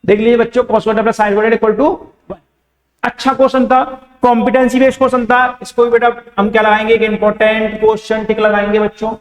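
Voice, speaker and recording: A man's voice: high-pitched, flat delivery, brisk. A young man teaching a math class with an Indian accent, asking the class questions and answering them himself. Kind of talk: board-exam math lesson. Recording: echoey room with long reverb.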